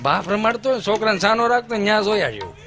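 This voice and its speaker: A man's voice: high voice, very animated, rapid-fire, music in the background. A man with a Kathiyawadi Gujarati accent telling folk comedy stories on stage, acting out village characters with sudden voice shifts. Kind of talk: stage comic storytelling.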